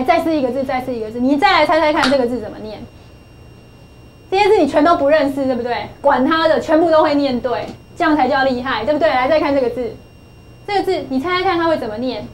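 A woman's voice: sits high, fast, slight background noise. A middle-aged woman teaching English phonics to a class, patient and coaxing, repeating points and asking for answers. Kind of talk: classroom lesson.

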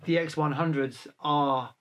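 A man's voice: fairly high pitch, a little slow. Chatty man answering photography questions. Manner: chatty, relaxed, handles gear while talking. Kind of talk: casual Q&A to camera.

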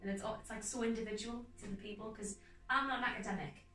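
A young woman talks about her craft with earnest enthusiasm, her voice bright and forward. She sits a little back from the microphone in a roomy, echoing space. Faint music plays underneath. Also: medium pitch, steady tone, quick pace, distant mic. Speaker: guest actor. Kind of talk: casual interview chat. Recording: roomy echo, off-mic, faint music behind.

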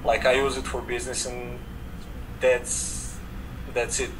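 A young man with a Serbian accent talks over webcam in a mid-range voice at a measured pace. As a guest on a casual video call interview about affiliate marketing, he stays relaxed, drops "like" frequently, and gestures while talking. He's indoors in a home room, and the distant webcam mic catches an air conditioner's hum.

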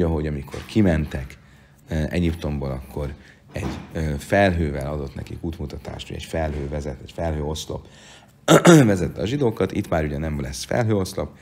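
Man, very deep voice, Talmud lesson, reads then explains, faint background hiss. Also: darkish tone. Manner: reads text aloud then explains in Hungarian, with fillers. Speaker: Talmud teacher.

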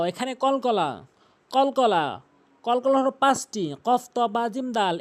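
A man teaching correct Quran recitation, drawing out chanted words between quick, patient explanations of mistakes. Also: high-pitched, darkish tone. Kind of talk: slow recitation lesson.

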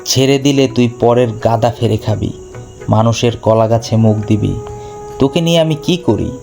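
A man voicing a poor, gentle middle-aged farmer who speaks softly and tenderly, full of sorrow, in a storybook reading. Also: medium pitch, moderate pace, gravelly, soft background music, close to an everyday voice. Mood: tender grief.

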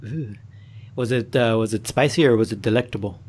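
A man's voice: lowish voice, brisk, very noisy. A young man from Aruba hosting a casual podcast, rambling, swearing and laughing often. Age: young adult. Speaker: podcast host. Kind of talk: casual chat.

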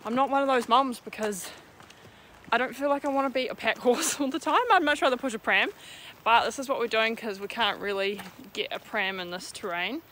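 A woman's voice: a little high, brisk, a bit bright. A young woman, chatting casually to a handheld camera in a vlog and saying "like" often. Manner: chatty, says "like" a lot. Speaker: vlogger. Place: home kitchen, then outdoors on a bush walk. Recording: faint background noise.

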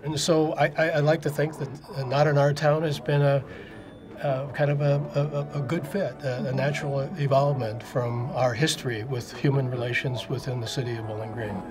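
A man speaking thoughtfully with frequent pauses and fillers in a documentary interview indoors. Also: mid-range voice, flat delivery, crowd noise.

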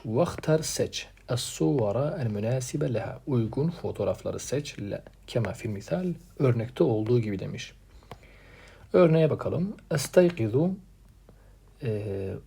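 A man teaching from a textbook, stressing each new word and then explaining it in an even, patient tone. His voice is gravelly and dark, with a rough, husky edge. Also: mid-range voice. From Turkey. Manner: reads Arabic words with emphasis, then translates plainly; addresses students as friends, repeats key words. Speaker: Arabic teacher. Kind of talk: textbook lesson walkthrough.

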